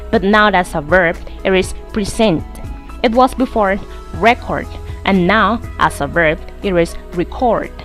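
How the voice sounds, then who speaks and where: Slow, deliberate woman lesson narrator. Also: mid-range voice. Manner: slow, deliberate instructions and word lists.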